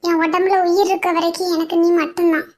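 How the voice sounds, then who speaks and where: A woman voicing a tender high-voiced young lover. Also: flat delivery, fast, darkish tone. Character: tender young man in love, reassuring. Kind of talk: cartoon voice acting.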